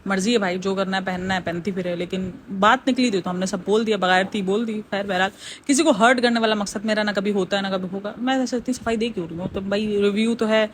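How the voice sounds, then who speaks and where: A woman's voice: medium pitch, fast, slight background noise. A woman from Pakistan giving casual reaction commentary on her channel, blunt and opinionated, speaking straight to her viewers. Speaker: reaction YouTuber.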